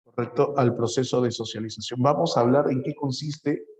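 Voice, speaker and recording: A man's voice: medium pitch, steady tone, moderate pace, a little mellow. A man teaching psychology in a classroom, repeating phrases and firing questions at his students. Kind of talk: lively classroom lecture.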